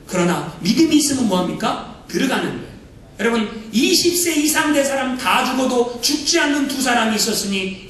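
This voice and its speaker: High-pitched preacher in an echoey hall. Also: male voice, slight background noise. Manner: preaching with big swings in pitch and loudness, acting out voices in the stories. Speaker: pastor. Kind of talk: sermon. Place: church sanctuary. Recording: echoey church hall from far off.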